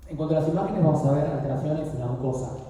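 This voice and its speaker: A man's voice: on the high side, rapid-fire, warm tone. Older man lecturing in an echoey room. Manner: explanatory, frequently checks understanding with "¿sí?". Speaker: radiology lecturer. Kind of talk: recorded medical lecture. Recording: distant, dull echoey room.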